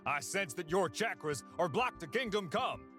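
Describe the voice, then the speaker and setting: A man's voice: high-pitched, very animated, normal speed, fairly bright tone. An actor playing a menacing, bossy male yogi guru in a game. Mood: stern, bossy. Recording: game music behind the voice.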